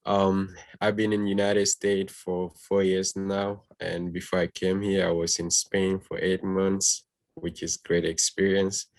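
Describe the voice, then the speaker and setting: A man's voice: low-pitched, flat delivery, unhurried, darkish tone, dry recording. A polite, composed young man from Gambia, introducing himself as a student guest on a video call. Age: young adult.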